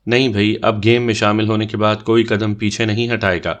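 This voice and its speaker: A man's voice: fairly low pitch, level tone, fairly bright tone, close to an everyday voice. A man voicing a good-humoured young doctor who jokes along with his cousins. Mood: easygoing. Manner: easygoing, laughing.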